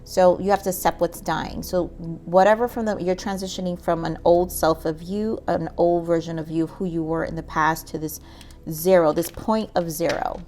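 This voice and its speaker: A woman's voice: lowish voice, steady tone, moderate pace, darkish tone, a little hiss or hum. A woman giving a casual tarot reading, musing aloud with many "like"s and "um"s as she pulls cards. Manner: musing, says "like" and "um" often, talks to spirit while pulling cards. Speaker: tarot reader.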